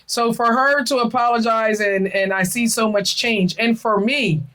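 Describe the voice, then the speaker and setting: A woman's voice: fairly high pitch, normal speed, fairly bright tone, low-quality recording. Earnest middle-aged woman hosting. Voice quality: earnest, emotional, repeats phrases. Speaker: podcast host. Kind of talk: casual spiritual chat.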